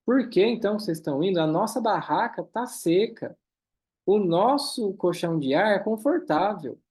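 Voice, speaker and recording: In an online class, a man teaches German by reading dialogue and translating it, moving between slow, careful German and quick explanations. His voice is high, a little mellow, with lively intonation.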